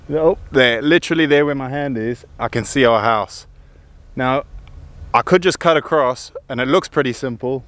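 A man's voice: mid-range voice, fairly bright tone, dry recording. A middle-aged man chatting enthusiastically and rambling as he walks outdoors, filming himself on a handheld phone. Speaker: vlogger. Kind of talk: casual walking vlog. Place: outdoors on a hillside.

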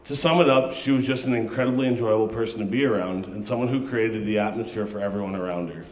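A man's voice: lowish voice, fast talker. Young man giving a wedding toast, echoey hall. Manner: reads from his phone, laughing through jokes. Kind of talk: read-out wedding toast with jokes. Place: large hall at a wedding reception. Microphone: handheld microphone.

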